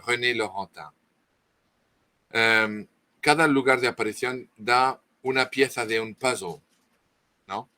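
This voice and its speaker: In an interview, a middle-aged man from France with a French accent lectures at length as a guest author, his lowish voice bright and forceful. His speech halts with frequent restarts and fillers, and there's no room sound.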